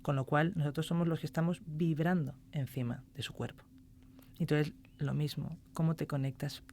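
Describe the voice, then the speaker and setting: A woman's voice: low-pitched, fairly even intonation, moderate pace, dark tone, a little hiss or hum. A woman, a music therapist chatting as a podcast guest, telling stories and acting out quoted dialogue. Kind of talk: casual podcast interview.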